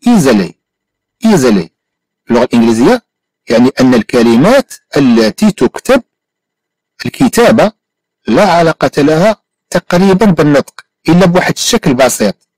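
Moroccan male teacher, animated intonation, drills phrases slowly. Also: a little high, no room sound, low-quality recording. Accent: Moroccan Arabic. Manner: slow careful repetition of English phrases. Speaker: language teacher. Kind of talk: bilingual English lesson.

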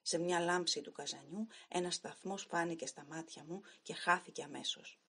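A woman narrates an audiobook story in a calm, measured tone. Her voice sits low and is deeply husky. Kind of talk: scripted narration of a short story.

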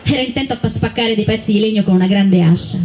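A woman with an Italian accent reading a children's story aloud, gently and unhurried, with small slips. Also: medium pitch, slight background noise.

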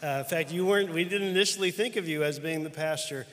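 A middle-aged man speaks with earnest reverence as he recounts years of shared ministry. His voice sits a little high. A long reverb trails each phrase through a big church auditorium. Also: fast talker, fairly bright tone. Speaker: denominational superintendent. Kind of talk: heartfelt tribute speech. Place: large church auditorium with live audience.

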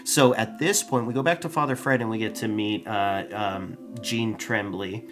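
Over background music, a man in his thirties co-hosts a casual comic book podcast with a lowish voice at normal speed, speaking with energy and frequently starting sentences over. He records on a studio mic on a desk stand in a small, collectible-packed room.

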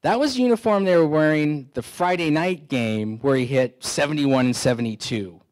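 A man's voice: on the high side, moderate pace, a little mellow. A middle-aged man from the San Francisco Bay Area gives a keynote talk, telling stories with self-deprecating humor. He speaks into a handheld microphone in an indoor meeting hall. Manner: conversational storytelling, self-deprecating humor, many restarts. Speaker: keynote speaker, FBI agent. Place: indoor meeting hall, standing before an audience.

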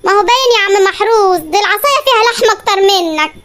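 Someone voicing a squeaky Egyptian cartoon housewife. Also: animated, fairly bright tone. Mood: scolding. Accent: Egyptian Arabic. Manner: scolding, fast, exclaiming. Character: bossy scatterbrained Egyptian housewife. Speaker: cartoon wife. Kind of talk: comedy cartoon voice acting.

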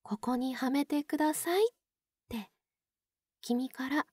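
Woman acting a very high-pitched, sweetly possessive yandere. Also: slow, darkish tone, breathy edge, no room sound, clean studio sound, heavily acted. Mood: coaxing, controlling. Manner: coaxing, cooing, talks as to a pet. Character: obsessive yandere older-sister type, sweetly possessive captor. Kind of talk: Japanese ASMR role-play.

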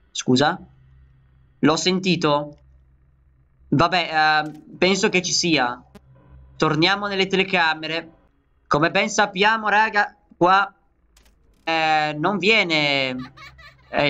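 High, bright-voiced excitable man. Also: highs cut off. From Italy. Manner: excitable, keeps calling out to viewers. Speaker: gaming channel host. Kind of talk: let's play commentary.

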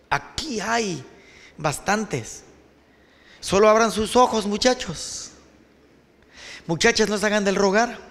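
Animated Mexican pastor preaching to students, high voice, big echoing auditorium. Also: male voice. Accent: Mexican Spanish. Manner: animated, addresses students directly. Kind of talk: sermon.

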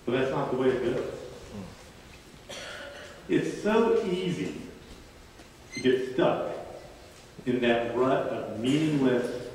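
Slow, deliberate preacher in an echoing hall. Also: male voice, medium pitch, lively intonation, darkish tone, a little hiss or hum. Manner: slow, deliberate storytelling with dramatic pauses. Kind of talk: sermon. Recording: echoey hall from far off.

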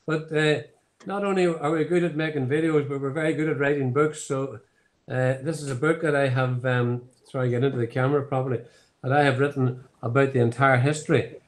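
This man in his seventies, from Northern Ireland and speaking with its accent, is a distillery founder recounting his story during an online tasting conversation. He rambles, uses lots of fillers, and speaks briskly at a medium pitch with a steady tone. He's on a video call from his home office, heard through a laptop webcam.

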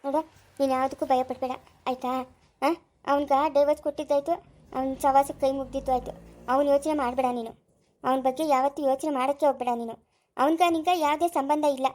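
A woman's voice: high-pitched, steady tone, quick pace, lightly acted. A woman voicing a protective sister-in-law who comforts and scolds, with a Chikkaballapur Kannada accent, in a homemade family skit. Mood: comforting fierce. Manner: scolding yet comforting, forceful.

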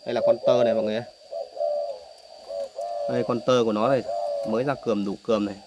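A man who breeds doves gives a casual, chatty tour of his cages while filming on a phone, filling pauses with short tags. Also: medium pitch, fairly even intonation. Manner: chatty, repeats "đấy" between points. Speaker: dove breeder selling birds. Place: bird aviary with cages. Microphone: phone held while filming. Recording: loud bird noise on phone audio. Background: doves cooing loudly.

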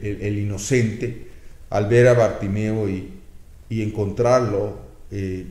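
A man's voice: mid-range voice, a little mellow, roomy sound. An older man with a Mexican Spanish accent preaching a sermon as pastor, acting out pleas and adding sound effects as he talks.

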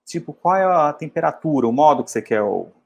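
A man from Brazil, teaching travel English in a casual way and repeating model phrases slowly. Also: on the high side, expressive, creaky, breathy edge, highs cut off. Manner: slow, drilled model phrases in English between casual explanations.

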